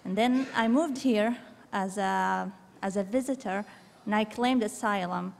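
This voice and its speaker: A young woman from Iraq, giving a measured public statement full of ums and uhs. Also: mid-range voice, vocal fry, a little hiss or hum. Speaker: public commenter. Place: large city council chamber. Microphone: fixed podium microphone. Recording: long hall reverb.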